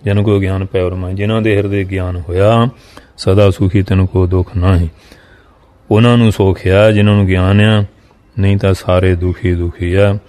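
A man's voice: low-pitched, flat delivery, normal speed, dark tone. A man giving a Sikh scripture discourse, reciting verse lines and then explaining each one plainly to his listeners. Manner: addresses listeners directly. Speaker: Sikh katha preacher.

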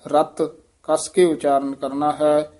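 A man's voice: fairly high pitch, level tone, slow, mellow. A man teaching scripture recitation, patiently repeating words and stressing how each should be pronounced. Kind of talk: correcting pronunciation in a recitation lesson.

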